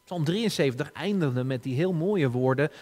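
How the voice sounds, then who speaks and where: Guy preaching slow n earnest, kinda high voice, big echoey church hall. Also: lively intonation, a little mellow. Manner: slow, earnest, with frequent restarts and emphatic rises. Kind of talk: sermon. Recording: long hall reverb.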